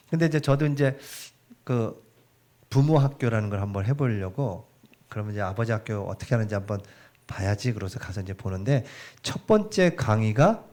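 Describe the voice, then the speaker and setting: A middle-aged man preaching a sermon in a church, chatty and animated, asking the congregation questions as he goes. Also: mid-range voice. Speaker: pastor. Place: church sanctuary.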